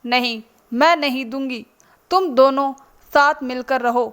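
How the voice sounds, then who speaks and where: A woman's voice: sits high, a little slow, fairly bright tone. A woman voicing a stern, scolding older mother-in-law in a spoken storybook. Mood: angry scolding. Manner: scolding, commanding.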